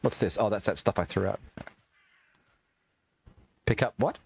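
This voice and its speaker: A man's voice: lowish voice, unhurried, vocal fry, dull audio, slight background noise. A young Australian man streaming a video game, chatting, joking and swearing as he plays. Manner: chatty, swears and jokes while playing. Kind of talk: gaming livestream commentary.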